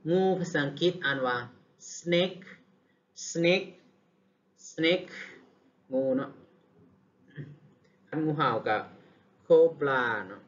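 Slow Lao-accented man teaching vocabulary. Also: a little high, highs cut off. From Laos. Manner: slow, repeats each English word several times. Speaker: English teacher. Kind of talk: vocabulary lesson.

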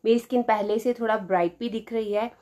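A woman's voice: a little high, steady tone, fairly quick, warm tone. A woman in her thirties with an Indian English accent, talking into the camera in a small room about a skincare kit, mixing Hindi and English and dropping in "you know" often. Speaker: beauty vlogger. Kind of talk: product review vlog.

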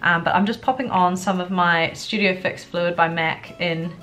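A woman's voice: lowish voice, fairly even intonation, moderate pace, fairly bright tone. Young woman vlogger, stuffed-up and unwell. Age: young adult. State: congested with a cold, feeling groggy and unwell. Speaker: beauty vlogger. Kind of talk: chatty get-ready-with-me makeup tutorial. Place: furnished living room at home, indoors. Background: background music.

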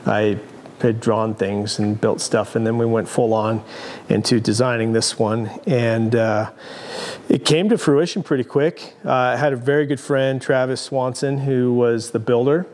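Relaxed man touring his garage workshop. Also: medium pitch, a little slow. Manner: relaxed, rambling with many fillers and restarts. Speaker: overland company founder giving a shop tour. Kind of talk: casual tour interview. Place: large indoor garage workshop.

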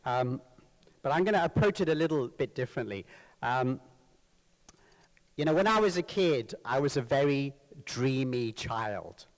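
A man with a Sri Lankan accent giving a humorous, anecdotal talk as an author, with wry storytelling and pauses before punchlines. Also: medium pitch, expressive. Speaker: author speaking at a conference. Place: large hall, live talk to an audience. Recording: very echoey hall with long reverb.

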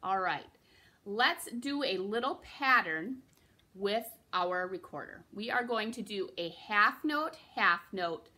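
A woman's voice: mid-range voice, animated, slow pace, pushed and bright. A young woman giving a recorder lesson for children, patiently explaining and encouraging, counting her students in. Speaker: music teacher.

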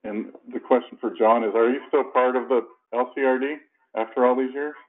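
A middle-aged man, a commissioner, asking questions in a formal but halting way at a public hearing, heard over a landline phone. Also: medium pitch, steady tone. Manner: measured, halting, with many fillers. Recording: tinny landline phone line.

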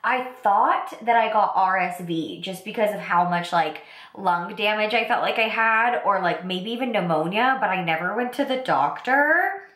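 A young woman vlogger with a slightly raspy, congested voice from a cold, chatting enthusiastically while doing her makeup at home. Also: mid-range voice, animated, moderate pace, a bit bright. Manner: chatty, enthusiastic product talk. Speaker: beauty vlogger. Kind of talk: casual get-ready-with-me makeup talk. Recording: roomy echo.

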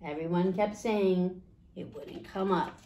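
Reading a picture book to children in a small room, this storytime host is a woman in her forties who keeps her phrases simple and poses questions to her listeners. She has a lowish, warm voice and an unhurried pace.

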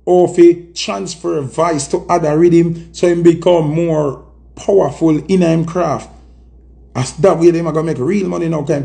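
Jamaican guy chatting patois to his phone, kinda high mellow voice, gravelly edge. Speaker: music personality, vlogger. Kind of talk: casual chat to camera. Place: small indoor room. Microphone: phone at arm's length.

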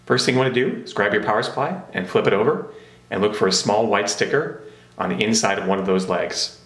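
A man's voice: lowish voice, a little fast, a bit bright. A man narrating a step-by-step product how-to in a plain, methodical way. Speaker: product demonstrator. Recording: roomy echo.

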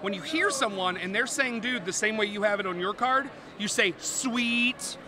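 A man giving a playful, animated board game demo at a busy convention, joking with the interviewer as he explains the rules. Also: high voice, fairly quick, music in the background. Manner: playful, animated, jokey salesman. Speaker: board game publisher representative.

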